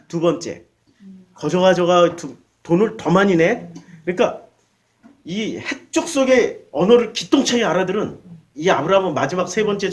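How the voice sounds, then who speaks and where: A man preaching a sermon as pastor, animated and conversational, quizzing his congregation in a church. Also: sits high.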